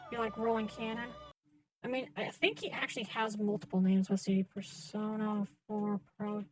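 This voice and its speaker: A woman's voice: mid-range voice, little pitch movement, normal speed, darkish tone, low-quality recording. A woman doing casual live commentary as she plays a game, hesitant and thinking aloud. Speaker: game streamer. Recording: game music behind voice. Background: game music.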